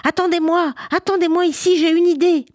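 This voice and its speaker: A woman's voice: sing-song, unhurried, darkish tone, dry recording, studio quality, heavily acted. A woman doing an eager little girl. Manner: high, eager, coaxing. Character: excited little village girl with an idea.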